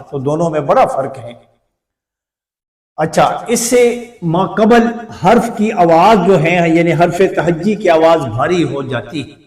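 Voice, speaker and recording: A man with an Urdu accent teaching at a deliberate, slow pace in a fairly high voice. He repeats sample words carefully to show their pronunciation. The sound is roomy and comes from some distance away from the mic. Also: darkish tone. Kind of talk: slow blackboard lesson.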